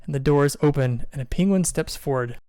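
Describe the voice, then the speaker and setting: A game master narrating a tabletop game, describing scenes at length with plenty of fillers. His voice is smooth and fairly high for a man, recorded close and dry. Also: a little fast, mellow, no room sound.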